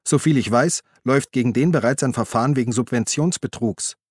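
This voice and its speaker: A man voicing a gruff, irritated grown man in an audiobook, speaking curtly and grumbling. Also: medium pitch, fairly quick, no room sound, studio quality, natural voice. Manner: curt, grumbling. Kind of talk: audiobook reading.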